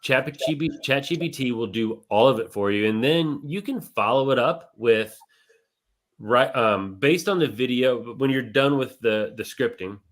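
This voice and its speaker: A man's voice: mid-range voice, expressive, unhurried, a bit bright. A man co-hosting a casual talk show, explaining things step by step in a conversational way. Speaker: co-host. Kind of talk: casual chat.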